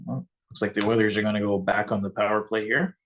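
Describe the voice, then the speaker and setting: A man's voice: lowish voice, fairly even intonation, fast, fairly bright tone, slight background noise. A man from Canada co-hosting a casual fan stream, chatting easily and reading out viewer comments. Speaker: co-host of a fan game-watch stream. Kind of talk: casual live game chat.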